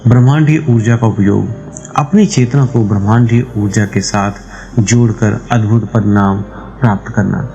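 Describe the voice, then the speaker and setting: A man with a lowish voice explains a meditation practice step by step, calm and measured. Faint music plays quietly under his voice. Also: creaky, low-quality recording. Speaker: meditation channel host.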